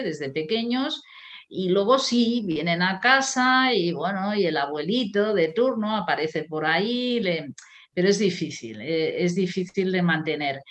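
A woman's voice: on the low side, fairly bright tone. A woman, a writer and critic, talking in a reflective way with many fillers and restarts. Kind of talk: conversational interview.

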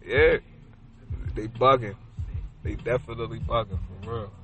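A man's voice: mid-range voice, fairly even intonation, normal speed, highs cut off. Laid-back New man hosting. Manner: laid-back, agreeable, lots of slang and shout-outs. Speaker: podcast host. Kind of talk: casual late-night chat. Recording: faint music in background.

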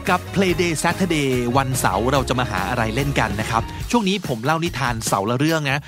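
A man's voice: on the high side, lively intonation, normal speed, over music. A man hosting a podcast vocabulary lesson, explaining words patiently and spelling them out letter by letter. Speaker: podcast host teaching English vocabulary.

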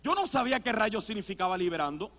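High-voiced man preaching in a reverberant church. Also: lively intonation, quick pace. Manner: emphatic preaching, swinging from loud to hushed. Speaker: pastor. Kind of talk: sermon with personal testimony. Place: church sanctuary.

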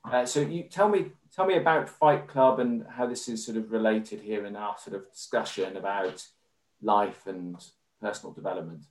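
A man's voice: lowish voice, darkish tone. Man, English accent, formal conversational talk, echoey room. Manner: measured and formal, with many fillers. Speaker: podcast guest. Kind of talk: conversational interview. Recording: roomy echo.

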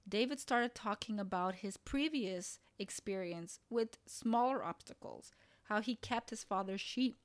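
Brief: woman preacher, earnest devotional storytelling, steady mid-range voice. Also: medium pitch. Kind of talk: devotional sermon retelling Bible stories.

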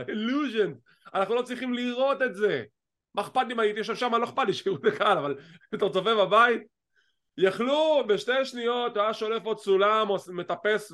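A male co-host of a wrestling podcast, his voice high and light, keeps the casual chat lively and teasing while slipping English phrases into his talk.

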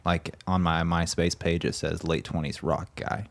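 A man in his late twenties, a podcast producer, chatting casually in a dry, deadpan way and pushing his voice deep. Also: moderate pace. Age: late 20s. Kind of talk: casual chat.

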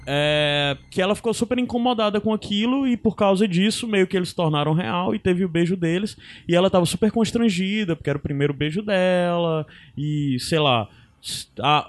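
A man's voice: fairly high pitch, normal speed. A man in casual podcast chat, slangy and rambling.

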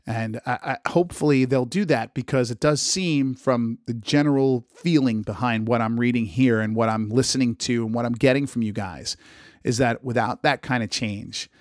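A man with a strained, struggling voice, talking casually and a bit haltingly as he hosts a solo podcast. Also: medium pitch, no room sound, clean studio sound. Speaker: podcast host and radio DJ.

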